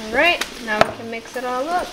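Calm young woman walking through a recipe. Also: a little high, fairly quick, roomy sound, heavy background noise. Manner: calm, step-by-step explaining. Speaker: home cook. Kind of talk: casual cooking vlog. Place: home kitchen, indoors.

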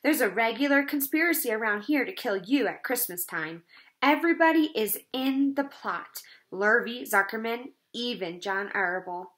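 A woman's voice: fairly high pitch, expressive, moderate pace, fairly bright tone. A woman voicing a blunt, gloomy old female sheep who speaks matter-of-factly.

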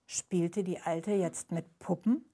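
A woman author reading from her crime novel at a live book reading, measured and clear. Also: fairly low pitch, steady tone, dark tone.

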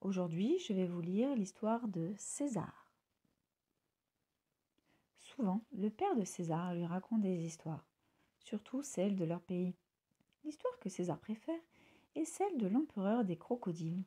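A woman reading a children's story aloud in an expressive storybook manner. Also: medium pitch, unhurried, breathy edge.

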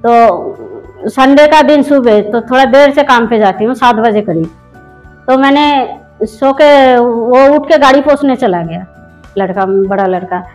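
A woman's voice: fairly high pitch, unhurried, a little mellow, soft background music, rough recording. A middle-aged woman from India giving a spoken personal testimony in a rambling storytelling way with many restarts. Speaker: church member giving testimony.

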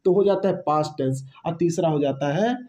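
A man's voice: a little high, a little fast, warm tone, highs cut off. A man teaching an English grammar lesson to students, repeating key terms and answering his own questions. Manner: addresses students directly, stretches words for emphasis. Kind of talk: classroom-style grammar lesson.

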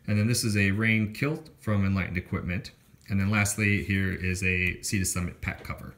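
A young man at home goes over his hiking gear on the floor in a casual voice-over, listing things with frequent ums and restarts. He speaks low, at a moderate pace, with fairly even intonation and a fairly bright tone.

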